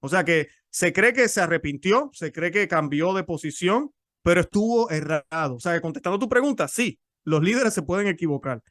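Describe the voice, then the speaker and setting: A man's voice: high voice, expressive, moderate pace, a bit bright, no echo, studio quality. A man explaining church history in a teaching talk, often repeating and restarting words.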